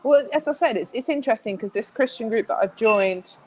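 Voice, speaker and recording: A woman's voice: fairly high pitch, brisk, rough recording. A woman speaking as a guest in a casual interview, chatty, with many restarts and fillers.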